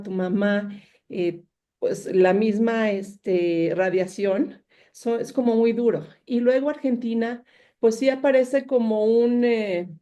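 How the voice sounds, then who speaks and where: A woman with a mellow, warm tone hosts a book club chat. She asks her question haltingly, with many fillers along the way. She sounds like she is on a video call. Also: mid-range voice, lo-fi sound. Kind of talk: interview question.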